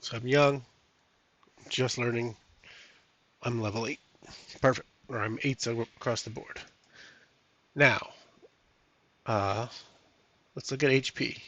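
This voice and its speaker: A man's voice: mid-range voice, steady tone, takes it slowly, pauses often, fairly bright tone, no echo. A man streaming a solo tabletop game, reading rules and chatting casually to viewers, thinking aloud with many fillers. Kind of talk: casual live-stream chat.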